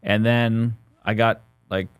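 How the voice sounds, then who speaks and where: A man's voice: fairly low pitch, little pitch movement, takes it slowly, clean tone, dry recording. Rambling, jokey man in his forties. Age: 40s. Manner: rambling, jokey, restarts often. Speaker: podcast co-host. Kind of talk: casual podcast chat.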